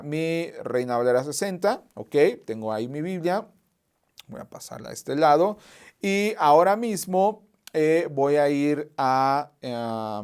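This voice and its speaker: Methodical man giving a software tutorial. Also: mid-range voice, smooth. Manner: methodical, repeats key points, thinks aloud while clicking. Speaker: software trainer. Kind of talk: screen-share software tutorial.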